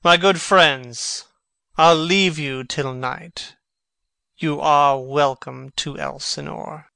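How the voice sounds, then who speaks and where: A man playing a brooding, sharp-witted young prince, speaking verse theatrically. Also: fairly high pitch, fairly even intonation, slow, creaky, no room sound, exaggerated voice. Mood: courteous. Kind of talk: reading a stage play.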